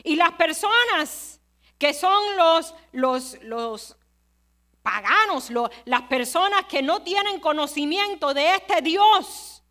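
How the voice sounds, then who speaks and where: High, bright-voiced woman preaching slowly. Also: animated. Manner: storytelling, conversational, asks the listeners directly. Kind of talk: sermon.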